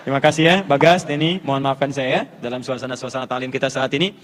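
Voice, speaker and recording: A man's voice: medium pitch, steady tone, fast, a bit bright, a little hiss or hum. A man preaching at a live question session, teaching pronunciation with playful repeated drills. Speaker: Islamic preacher answering audience questions. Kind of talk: live Q&A lecture with audience demonstration. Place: large lecture hall with audience. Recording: long hall reverb.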